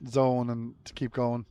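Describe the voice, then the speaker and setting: A mellow Irish man gives live golf commentary in a relaxed, low-key manner, offering brief descriptions of shots along with chatty asides.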